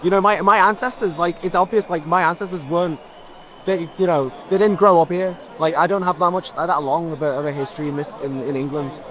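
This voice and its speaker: A man's voice: fairly high pitch, fairly even intonation, fairly quick, fairly bright tone. A man at an outdoor rally talking earnestly and hesitantly, often repeating words. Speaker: rally attendee.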